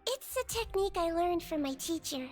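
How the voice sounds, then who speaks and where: A woman voicing a small, gentle, matter-of-fact female nurse creature with a childlike voice in a video game. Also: very high-pitched, expressive, normal speed, soft background music. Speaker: doctor.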